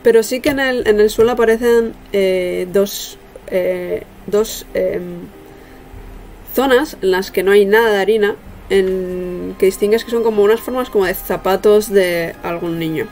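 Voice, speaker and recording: Young female game master, mid-pitched, improvising narration haltingly on a slightly noisy video call. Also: darkish tone. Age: young adult. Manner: halting, thinking aloud. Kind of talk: casual improvised tabletop narration. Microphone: webcam video call.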